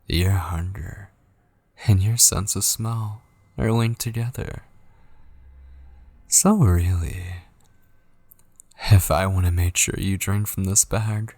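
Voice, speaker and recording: A man delivers a heavily acted, scripted ASMR monologue as a possessive, obsessive kidnapper who is also a coaxing lover. His low voice is husky and breathy, often falling into whispers, as he speaks slowly with possessive endearments. The close studio mic gives a dry, intimate sound.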